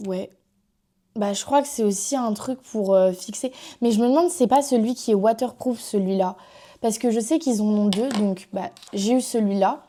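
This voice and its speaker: A woman's voice: medium pitch, mellow. A young woman with a French accent chatting casually through a makeup haul, rambling with lots of fillers. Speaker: vlogger.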